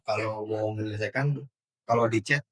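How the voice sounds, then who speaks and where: Husky middle-aged man talking plainly. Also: on the low side, steady tone, fairly quick, a bit bright. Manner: plain, rambling, frank about marriage. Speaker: married guest. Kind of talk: casual chat.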